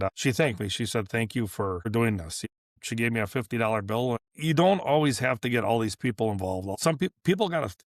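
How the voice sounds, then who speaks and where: A man's voice: mid-range voice, no echo, clean studio sound. A man, a repair shop owner, telling a long story in a casual podcast interview, rambling and acting out what people said. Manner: rambling, repeats and restarts, acts out dialogue. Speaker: business owner guest.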